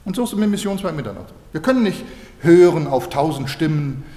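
A man preaching a sermon, telling stories lively and acting out the dialogue. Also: on the high side, fast talker. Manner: animated storytelling, acting out dialogue with laughter. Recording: echoey hall.

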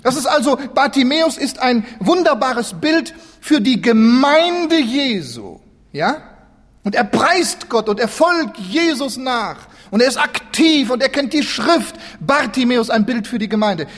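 Man, preacher, sermon, animated delivery, long church reverb. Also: very high voice, unhurried. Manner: animated, acts out biblical figures in dialogue.

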